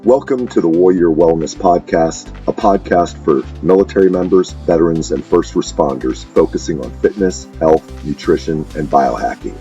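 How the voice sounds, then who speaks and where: Very deep, mellow man announcing. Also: highs cut off. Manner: smooth, measured announcer delivery. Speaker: show announcer. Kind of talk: scripted intro and disclaimer. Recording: faint music underneath.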